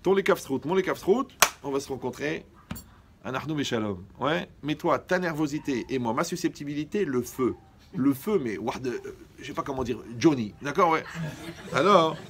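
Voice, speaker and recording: A man with a gravelly, creaky voice delivers a religious holiday lecture. He jokes a lot and keeps checking in with his listeners. There is faint noise in the background. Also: mid-range voice, animated, moderate pace, a bit bright. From Morocco. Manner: joking, often checks in with the audience. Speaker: rabbi giving a holiday lecture.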